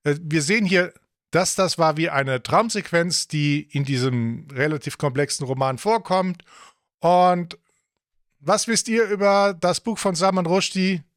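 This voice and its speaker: A man's voice: fairly high pitch, a little slow, dry recording, studio quality. Joking, rambling male host. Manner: joking, rambling, self-correcting. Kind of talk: casual talk show discussion.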